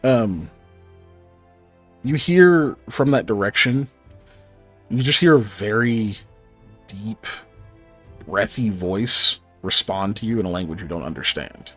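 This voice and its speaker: A man's voice: on the low side, lively intonation, slow pace, long pauses, fairly bright tone, soft background music. A man casually narrating a tabletop game as game master, explaining things in hesitant, broken-up phrases.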